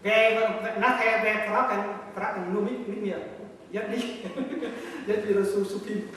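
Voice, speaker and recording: A meditation master with a Vietnamese accent gives a playful lecture in halting German and teases his students. His voice sits high for a man. He is picked up from far off in a big echoey hall with a faint hiss behind him. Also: fairly even intonation, a bit bright. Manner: halting broken German, playful, laughs often. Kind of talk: spiritual lecture. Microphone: distant room mic.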